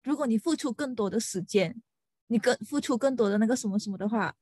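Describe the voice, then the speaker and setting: Brief: young woman podcaster, lawyer, pitched a bit high, close dry sound, exasperated storyteller. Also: fast talker, husky, no echo. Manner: venting, animated, mixes in English words. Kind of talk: casual chat.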